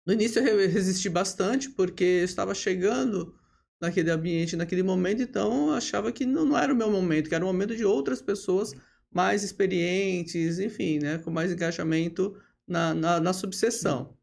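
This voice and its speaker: Here the gravelly-voiced São woman, Brazilian and in her fifties, is a lawyer and bar association leader telling stories as a podcast guest in a relaxed interview. She speaks on the low side and a little fast. Her delivery is steady, full of tag questions and hesitation fillers.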